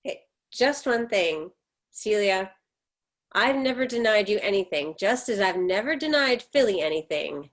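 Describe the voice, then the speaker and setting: A woman with a medium-pitched, expressive, near-everyday voice reads at a measured pace as an embittered, defensive middle-aged mother in a stage drama. She sounds bitter and insistent, delivering emphatic, reproachful lines in clipped retorts.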